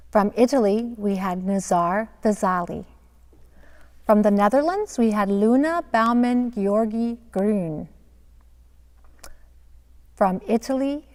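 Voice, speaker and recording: A woman head of counseling introducing students and awards at a school ceremony, friendly and a bit quick. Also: medium pitch, big-room sound.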